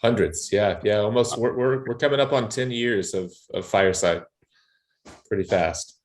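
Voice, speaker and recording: A man's voice: on the low side, normal speed. A man co-hosting a casual video-call interview, chiming in with short, upbeat remarks. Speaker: podcast host as co-host.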